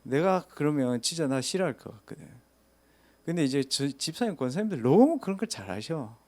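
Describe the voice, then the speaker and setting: A man's voice: a little high, big pitch swings, a little fast, dark tone. A man, a pastor telling a story in a casual sermon and asking listeners rhetorical questions. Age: 30s.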